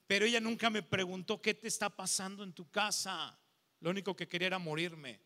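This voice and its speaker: Mexican pastor, middle-aged man, bright voice, emotional sermon, swings loud to hushed, long church-hall reverb. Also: high-pitched, fairly even intonation, a little fast. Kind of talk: sermon testimony.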